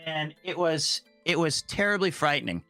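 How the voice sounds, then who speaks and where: A man and voice actor telling a strange work story in casual chat, animated and acting out the voices he quotes. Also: a little high, normal speed, faint music behind.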